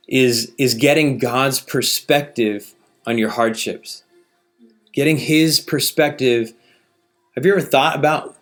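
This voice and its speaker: A man's voice: mid-range voice, a bit bright. A man preaching a sermon in a casual, conversational way, reading scripture aloud and asking the listeners rhetorical questions.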